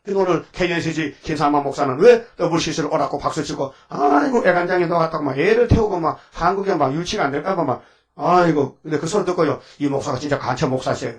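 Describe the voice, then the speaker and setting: A man's voice: fairly high pitch, fast talker. A man preaching at a dawn service in a heated, scolding, rambling way, prodding listeners with rhetorical questions. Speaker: pastor.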